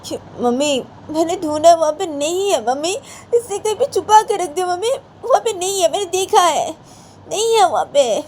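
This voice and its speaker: A woman voicing an angry young mother who shouts shrill threats at her child. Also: expressive, normal speed, a little hiss or hum. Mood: complaining.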